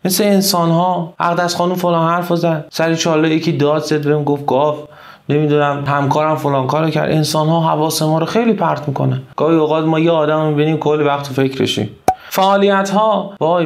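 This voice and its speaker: A man giving a recorded audio lesson on marriage as a counselor, speaking straight to the listener and swinging his pitch widely for emphasis. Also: vocal fry. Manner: speaks directly to the listener, repeating a filler address term.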